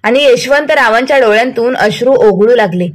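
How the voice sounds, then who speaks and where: A woman's voice: fairly high pitch, brisk. A woman narrating an emotional family story as a storyteller. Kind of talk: scripted narration.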